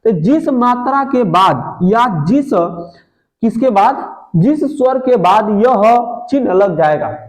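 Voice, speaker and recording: A man's voice: high voice, animated, slow pace. A man teaching a grammar lesson for exam students, asking questions and answering them himself, and stretching vowels to demonstrate them. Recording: dull lo-fi audio in an echoey room.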